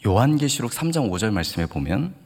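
A man preaching a sermon in a church hall, telling stories with animated delivery and asking the congregation direct questions. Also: on the low side, fast talker. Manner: animated storytelling, acts out quoted voices. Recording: long hall reverb.

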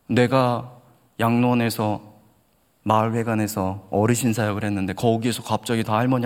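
A man preaching a sermon in a church hall, telling stories with animated delivery and asking the congregation direct questions. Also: lowish voice. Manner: animated storytelling, acts out quoted voices. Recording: long hall reverb.

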